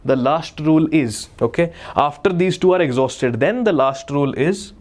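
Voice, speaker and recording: A North Indian chemistry teacher with a higher-pitched, expressive, somewhat dark voice leads a live online exam lesson at a moderate pace, explaining things step by step. He's emphatic, repeats key phrases and questions, and switches between English and Hindi.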